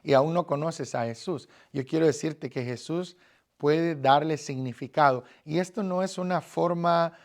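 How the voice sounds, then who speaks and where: A Guatemalan evangelism teacher, his voice on the high side and his pace measured, speaks directly to the listener in an earnest Bible lesson on evangelism. His Spanish has a Guatemalan accent, and he uses fillers often.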